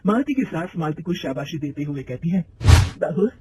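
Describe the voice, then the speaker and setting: A man narrating a scripted cartoon storybook in a plain, steady manner. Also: a little high, fairly quick, background noise.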